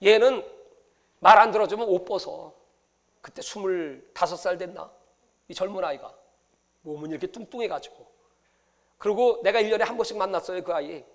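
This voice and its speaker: Pastor guy w/ a pretty high voice, preaching, goes quiet then suddenly loud, telling stories. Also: moderate pace, long pauses. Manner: storytelling, swings from hushed asides to loud exclamations. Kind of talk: sermon.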